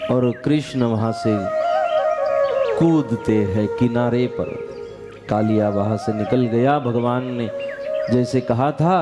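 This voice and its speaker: A man delivers a devotional story sermon at an unhurried pace, dramatic in tone, often climbing to fervent high calls and sometimes sliding into song. Instrumental music plays clearly behind him. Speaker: katha preacher.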